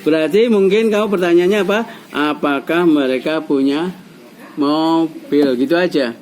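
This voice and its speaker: A man's voice: a little high, moderate pace, a little mellow, low-quality recording. A man with an Indonesian accent teaching an English class, patiently repeating and coaxing his students. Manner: patient, repetitive, coaxing explanations.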